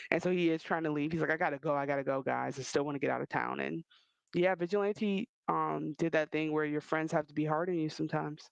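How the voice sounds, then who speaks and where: A man co-hosting a podcast, talking in a casual, animated and rambling way with quick restarts. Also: fairly high pitch, creaky, clear, resonant tone, dry recording, rough recording. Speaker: podcast co-host. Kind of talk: casual chat.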